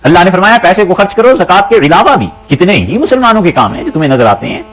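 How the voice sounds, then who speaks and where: A man's voice: high voice, very animated, fast, fairly bright tone, poor audio. A man teaching a Quran commentary, reciting verses and explaining them in plain talk, with stories and quoted lines along the way.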